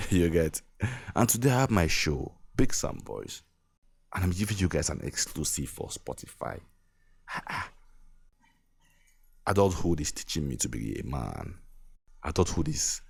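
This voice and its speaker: A young Nigerian man hosts his own podcast, delivering an earnest motivational monologue that repeats its points and breaks into small laughs. His extremely low voice is creaky with a breathy edge, and the recording is dry.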